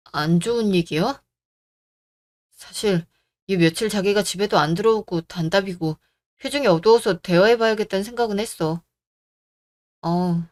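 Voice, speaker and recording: A woman's voice: mid-range voice, lightly acted. A woman voicing a young wife in a radio drama who is tired and aggrieved, polite at first and then firm.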